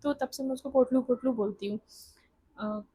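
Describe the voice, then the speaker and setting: Woman, young adult, high-pitched, candid storytelling, frequent laughs, dry sound. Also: steady tone, normal speed, dark tone, breathy edge, no room sound. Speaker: vlogger. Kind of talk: personal storytelling.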